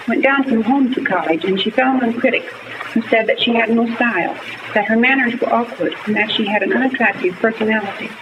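A young woman student reading aloud for a class with careful, measured elocution, played back from an old gramophone disc. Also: on the high side. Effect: played from an old 1939 gramophone disc. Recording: noisy, muffled old disc recording from far off.

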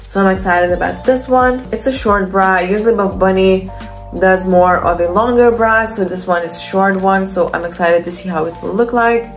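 A young woman, a fitness coach, talks through a try-on haul in her bedroom, speaking straight to the camera. Her English is that of a Lithuanian native speaker, chatty and enthusiastic, and she often restarts her sentences. Faint music plays behind her, and her voice sits at a middle pitch. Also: moderate pace. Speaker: fitness coach reviewing gym clothes. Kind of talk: casual try-on haul talk. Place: bedroom at home.

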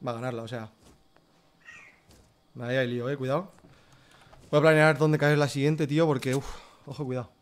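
A young man from Spain with a Spanish accent, live-streaming himself playing a game, excitable, swearing often and dropping English phrases into his commentary. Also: medium pitch, brisk, pauses often. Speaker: gaming streamer.

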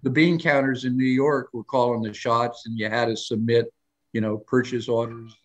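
A man's voice: medium pitch, steady tone, normal speed, highs cut off. An older man telling long, rambling stories as a guest on a live talk show, often restarting phrases and raising his voice to act out quoted lines. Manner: rambling anecdotal storytelling with many restarts; acts out quoted lines in a raised voice. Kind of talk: casual live interview chat.

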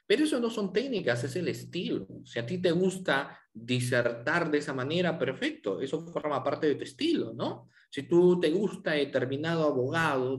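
Man giving a lawyers' lecture. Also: a little high. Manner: asks the audience rhetorical questions, with frequent tag questions. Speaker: law lecturer.

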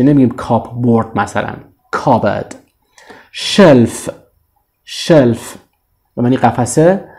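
A man with a Persian accent teaches English vocabulary in a dark, mellow voice at a middle pitch. He draws each model word out slowly and lets it sink low at the end before prompting his listeners to repeat after him. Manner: slow, drawn-out model words, often trailing off low.

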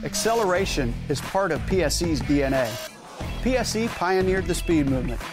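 A man's voice: a little high, expressive, fairly quick, over loud music, pitched above the performer's own voice, natural voice. A man reading a bold commercial voice-over with a punchy, emphatic delivery. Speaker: ad announcer.

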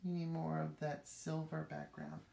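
Middle-aged woman, low-ish voice, chatty craft demo, roomy echo. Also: little pitch movement, moderate pace, dark tone. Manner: chatty, upbeat, talks while working. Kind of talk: live craft demonstration. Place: craft room with table. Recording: echoey room with clear background noise.

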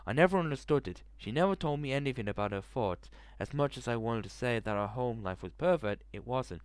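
A young man in his bedroom reads a visual novel aloud into a headset mic for a gaming video, breaking in with crude jokes, swearing, laughter and asides. His medium-pitched voice is animated, fairly quick, clear and resonant, with no room sound.

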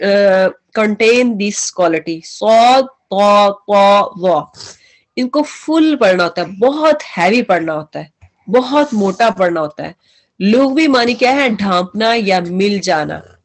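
A woman teaching a tajweed lesson, who explains each term slowly, mixes in English phrases and repeats letter sounds for practice. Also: medium pitch, expressive. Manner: slow, explains terms and drills letter sounds. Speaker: Quran recitation teacher.

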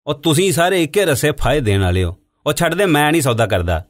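A man's voice: a little high, sing-song, fast talker, voice pushed up. A man voicing a stubborn old buffalo seller. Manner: prickly, stubborn. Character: shrewd, hot-tempered old male buffalo seller.

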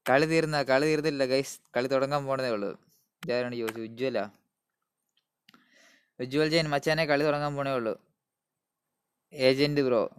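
A man's voice: mid-range voice, normal speed, long pauses, clear, resonant tone, no room sound. A man with a Malayali accent hosting a casual gaming live stream, calling out greetings and hype to viewers and mixing English words into Malayalam.

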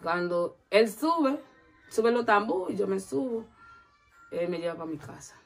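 Gravelly woman telling a story. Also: mid-range voice, unhurried, soft background music. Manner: animated, acts out quoted voices. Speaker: interviewee. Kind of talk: storytelling in a casual interview.

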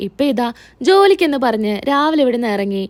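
A woman's voice: high-pitched, very animated, a little fast. A woman voicing an older female relative who scolds and accuses in a family quarrel. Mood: accusing.

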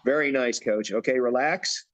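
A man's voice: medium pitch, normal speed, fairly bright tone. A man coaching a bodybuilder through posing routines, giving directions and repeating his cues. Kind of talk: instructional demonstration.

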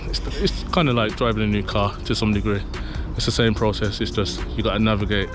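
A man's voice: lowish voice, level tone, a little fast, over music. A man walking through a city centre outdoors, chatting to his viewers in a rambling, casual vlog with lots of fillers, recorded on a handheld camera. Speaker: vlogger. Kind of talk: casual walk-and-talk vlog.

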